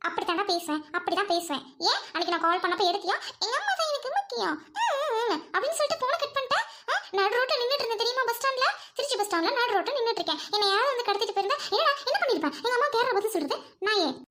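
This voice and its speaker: A woman playing a cheeky village wife with a very high voice. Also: very animated, very noisy. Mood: bickering. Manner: quick, chattering, teasing and quarrelsome. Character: young married village woman, gossipy and cheeky. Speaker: village wife in a comedy skit. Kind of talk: village comedy drama.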